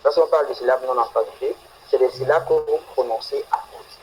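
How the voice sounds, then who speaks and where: A man teaching English phonetics in an online class, slowly and repeating example words deliberately. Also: mid-range voice, darkish tone, slightly rough, low-quality recording. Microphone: video call.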